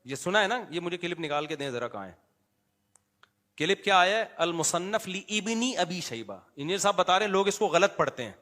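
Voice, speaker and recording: Animated, bright-voiced male preacher. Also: high voice. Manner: animated, conversational, shifts between quiet asides and emphatic teaching. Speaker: Islamic preacher. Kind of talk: informal sermon with live audience address.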